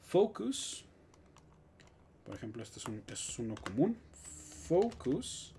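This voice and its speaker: A man with a Mexican Spanish accent, teaching English grammar in a live stream with lively explanations and joking asides. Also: medium pitch, measured pace, a little hiss or hum.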